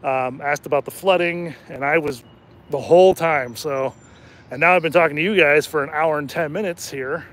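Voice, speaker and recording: A man hosting a casual livestream outdoors at night, jokey and rambling, his throat slightly hoarse from talking. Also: fairly high pitch, normal speed, fairly bright tone. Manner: rambling and jokey, laughs often. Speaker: channel host and rideshare driver.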